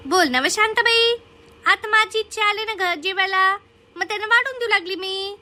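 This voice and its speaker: A woman plays a chatty, teasing village neighbour. She sounds very high-pitched and bright. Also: moderate pace, heavily acted.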